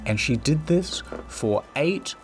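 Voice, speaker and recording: A man narrating a comedic history video, wry and storytelling, with sudden swings in pitch. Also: expressive, slow pace, slight background noise.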